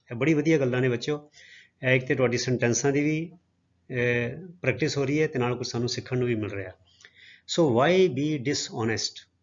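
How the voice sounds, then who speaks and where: Punjabi man teaching grammar, lo-fi. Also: medium pitch. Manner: explains in Punjabi, reads English sentences slowly. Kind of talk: recorded grammar lesson. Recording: dull lo-fi audio.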